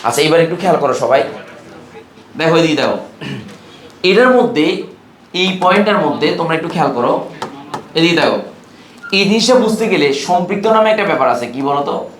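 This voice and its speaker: A man from Bangladesh lectures on chemistry with a fairly high voice. He drills his class with questions and repeats each key term. The sound rings in a roomy, echoey classroom. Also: lively intonation, fairly quick, pauses often. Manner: asks students questions and repeats key terms. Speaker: chemistry teacher.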